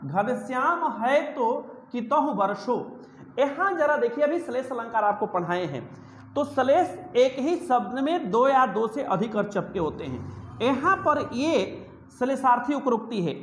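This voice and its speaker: A woman teacher speaks slowly and patiently, her fairly high voice rising and falling a lot as she explains. She recites verse examples in a sing-song way. The recording has a noticeable room echo. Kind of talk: recorded online lesson.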